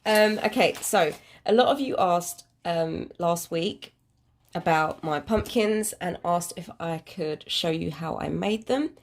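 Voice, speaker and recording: A British woman hosting a crafting channel gives an informal tutorial in a hesitant, rambling, self-deprecating way. Her voice is congested from a cold, lowish, and a little slow.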